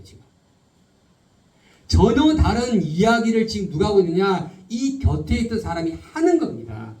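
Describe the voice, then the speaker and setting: Animated preaching man in an echoey church. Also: sits high. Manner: keeps firing rhetorical questions at the congregation; slows and stresses key words. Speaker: pastor. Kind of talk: sermon. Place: church sanctuary. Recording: roomy hall, speaker far from the mic.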